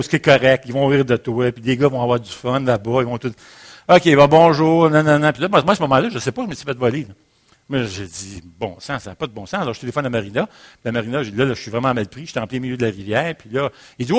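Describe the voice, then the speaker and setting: A man with a Quebec French accent preaching a sermon, opening with a lively personal story and acting out the voices and shouts in it. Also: a little high.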